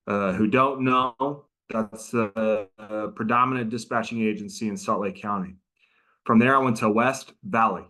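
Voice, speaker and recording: His voice is fairly low yet pushed and bright. A middle-aged man working as a prosecutor and trainer, he runs an informal, chatty training via video call and interacts with those watching.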